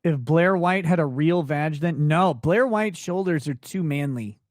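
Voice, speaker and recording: A livestream host with a voice that isn't deep talks a little slowly as he reads and responds to viewer questions late at night, blunt, crude and sweary throughout. It's recorded in studio quality with no echo.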